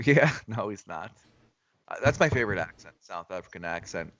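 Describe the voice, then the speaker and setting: A man's voice: low-pitched, animated, normal speed, a bit bright, no room sound, dull audio. A man hosting a casual trading livestream, teasing his co-hosts and swearing freely. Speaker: stock trading stream host. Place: home, in Florida.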